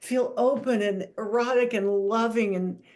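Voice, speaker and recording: A woman's voice: on the high side, fairly even intonation, unhurried, darkish tone. An older woman in a casual book club discussion, speaking candidly and swearing freely.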